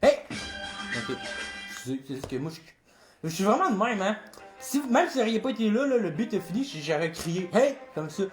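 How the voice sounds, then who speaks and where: A man's voice: sits high, very animated, moderate pace, over music. A man with a Québécois French accent, a rapper chatting casually on a livestream and freestyling, rambling and swearing often.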